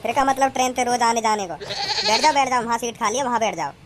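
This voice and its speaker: A woman's voice: on the high side, quick pace, noisy background, close to an everyday voice. Woman voicing a chatty train passenger. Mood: coaxing. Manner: coaxing, chatty. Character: polite fussy male train passenger. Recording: cartoon soundtrack with music bed. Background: background music.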